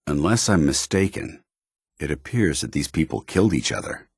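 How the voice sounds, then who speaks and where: This stern, loyal male military officer from a video game speaks companion dialogue in a low, smooth, never muddy voice, sounding wary and observant. Like a dutiful soldier, he uses formal, clipped, earnest phrases at a normal speed, expressive and exaggerated. The studio recording is very dry.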